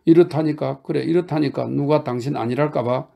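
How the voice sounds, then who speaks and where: A man's voice: medium pitch, brisk, warm tone, natural voice. A man voicing a bossy, teasing young woman. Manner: scolding, coaxing, insistent. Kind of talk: audiobook character reading.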